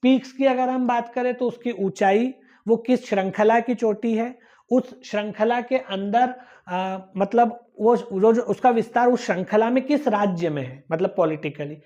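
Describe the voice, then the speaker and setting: A woman's voice: fairly high pitch, normal speed, dark tone. A woman teaching an exam-prep lecture, patiently repeating key points and checking in with her students. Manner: patient, repetitive, checks in with "ठीक है ना". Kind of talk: recorded lecture explaining a map. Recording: dull lo-fi recording.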